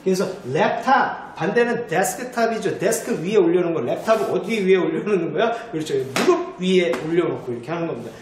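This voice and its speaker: A man teaching English vocabulary to students in a chatty way, often checking in with a quick "right?". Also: high-pitched, expressive. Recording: very echoey room with faint noise.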